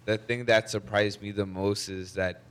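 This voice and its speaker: A man from Africa, giving a short, halting self-introduction as an exchange student at a public meeting. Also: lowish voice, flat delivery, a bit bright, clean tone. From South Africa.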